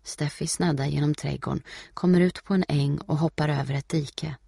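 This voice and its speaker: A man reading a novel aloud as an audiobook narrator, in a steady, measured way. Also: a little high, creaky, husky, no room sound, clean studio sound.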